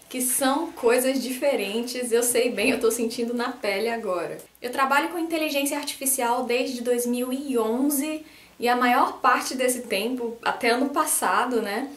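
A lively woman in her twenties from Brazil with a faint Bahian accent, talking casually to camera as a science YouTuber and gesturing a lot. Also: sits high, normal speed, reverberant. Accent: light Brazilian Portuguese, faint Bahian. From Salvador, Bahia, Brazil. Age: 20s. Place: small room indoors, posters on the wall.

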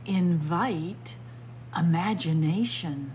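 A middle-aged woman librarian reads a picture book to children word by word, her lowish, slightly mellow voice moving very slowly and carrying teacherly emphasis. She is recorded close up on a webcam or phone at arm's length in a small library room, with a little hiss or hum.

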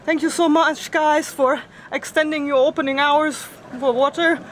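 A woman in her thirties vlogging casually from a sailboat in a marina, chatty and quick to laugh, filmed on a handheld action camera. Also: sits high, slight background noise. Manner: chatty, laughs often, excitable. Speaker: sailing vlogger. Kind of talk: casual vlog talk. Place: outdoors on a sailboat deck in a marina. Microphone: action camera at arm's length.

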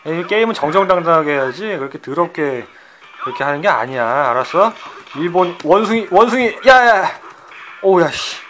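Lively, profane Korean game streamer man. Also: a little high, moderate pace, a little hiss or hum. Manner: swears and yells at the computer opponent; swings from shouting to muttering. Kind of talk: profane retro game commentary.

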